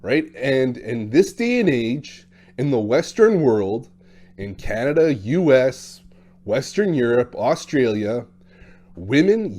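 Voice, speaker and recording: With a medium-pitched, slightly mellow voice, a dating coach in his thirties or forties chats bluntly and casually to camera about dating, dropping in many fillers. He talks a lot and acts out quoted lines by switching voices.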